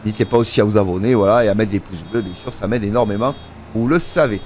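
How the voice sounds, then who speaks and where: This gaming video creator has a lowish voice, a bit mellow, and he talks fast over slight background noise. He gives chatty let's-play commentary on his farming game, full of fillers and jokes aimed at the workers in it.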